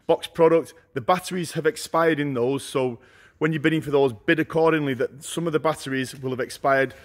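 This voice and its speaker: A middle-aged man walking through a large warehouse, listing auction lots in short, brisk phrases as he goes. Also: a little high. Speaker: auctioneer giving a viewing tour. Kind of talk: walking tour commentary. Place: large indoor warehouse with shelving.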